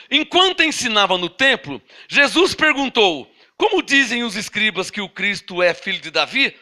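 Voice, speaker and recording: A man preaching a sermon as pastor, leading his congregation through Bible verses, asking them to repeat after him and drawing out key words slowly between quick asides. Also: very high voice, pushed and bright. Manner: teaching, asks congregation to repeat and read along; slow emphatic stress on key words, then quick asides.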